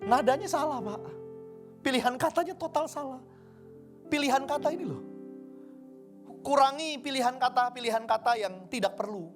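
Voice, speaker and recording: A man's voice: very high-pitched, normal speed, pauses often. A man preaching a conversational sermon, acting out everyday dialogue in different voices. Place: church service hall. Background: faint keyboard music.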